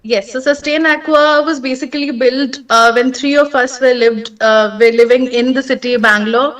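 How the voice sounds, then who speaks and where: A young Indian woman co-founder speaking earnestly over a remote link. Her voice sits high and sounds distant from the mic. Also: steady tone, normal speed, a bit bright, lo-fi sound. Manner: earnest, heartfelt. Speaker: startup co-founder. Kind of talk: remote presentation.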